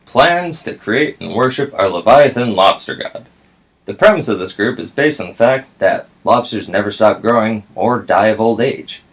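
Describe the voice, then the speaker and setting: A man's voice: on the low side, lively intonation, normal speed. A man reading scripted satirical news in a dry, mock-serious anchor voice.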